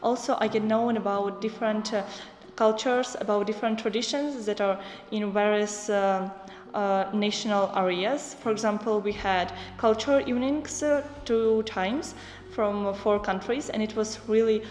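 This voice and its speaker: A young woman describing a youth exchange project in halting English with many fillers. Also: medium pitch, a little mellow. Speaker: project participant. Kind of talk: interview answers in non-native English. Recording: echoey hall.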